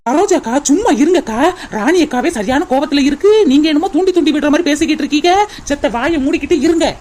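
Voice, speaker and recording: A woman's voice: high-pitched, fast, darkish tone, natural voice. A woman voicing a defensive young village woman in a cartoon comedy, scolding a gossip. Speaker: cartoon character.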